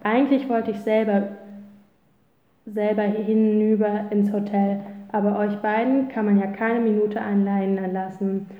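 A clever boy who decides everything like a little schoolmaster, as a woman reading the story puts him on. He speaks slowly and decisively, with a roomy echo and a thin, phone-like sound. The voice stays close to the reader's own. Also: medium pitch, flat delivery, close to an everyday voice. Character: bossy clever boy who grades others.

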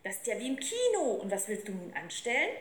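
A woman's voice: on the high side, huge pitch swings, fast talker, fairly bright tone, slight background noise. A woman doing a brash Berlin street boy. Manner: brash, slangy, eager. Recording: roomy with faint ambience.

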